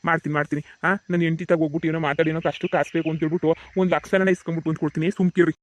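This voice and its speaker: A man's voice: a little high, little pitch movement, racing, a little hiss or hum, lightly acted. A man voicing a harried middle-aged village husband, placating and grumbling in a cartoon comedy.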